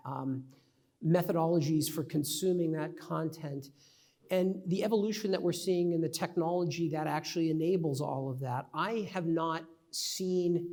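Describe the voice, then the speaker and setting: A middle-aged man with a New York accent gives a conversational conference presentation full of fillers and restarts. His voice is a little high with a darkish tone.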